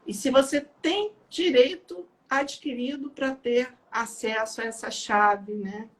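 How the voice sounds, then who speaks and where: A woman, an author telling lively anecdotes about her book and laughing as she goes. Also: a little high, slow pace. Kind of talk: casual storytelling talk.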